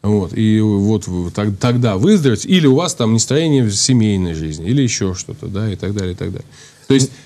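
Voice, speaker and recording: Wearing a lapel mic on a studio talk show, a priest in his thirties thinks aloud through lengthy explanations, restarting frequently and leaning on fillers. His fairly low voice is mellow, with lively intonation and a brisk pace.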